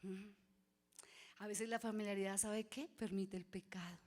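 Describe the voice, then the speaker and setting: A woman delivers a sermon from the church pulpit. She preaches with passion, rising to loud cries and then sinking into hushed whispers. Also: mid-range voice, fairly even intonation, normal speed. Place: church sanctuary.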